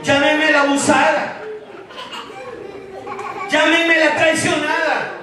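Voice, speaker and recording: A man from El Salvador preaching a fiery sermon as pastor, shouting and calling on the congregation to answer. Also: very high voice, flat delivery, slow, distant mic, background noise. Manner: preaches with shouted calls and call-and-response. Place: large church hall. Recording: echoey hall, mic from afar, congregation.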